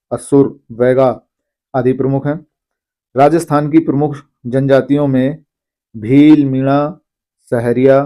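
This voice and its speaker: Mellow-voiced man teaching an exam lesson. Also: mid-range voice. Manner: reads names slowly, apologizes for pronunciation. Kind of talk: exam-prep lecture reading a list.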